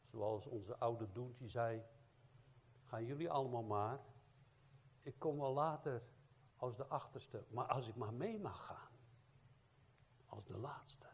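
A man preaches a sermon in a conversational way, often checking in with the congregation through short tag questions. His voice is husky and sits at an ordinary middle pitch. He speaks as an evangelist addressing a church. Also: takes it slowly, pauses often. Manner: informal preaching with frequent tag questions and fillers.

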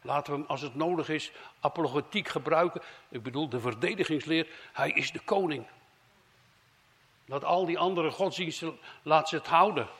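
A man preaching a sermon with fervor, swinging between loud emphatic phrases and low hushed ones. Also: moderate pace.

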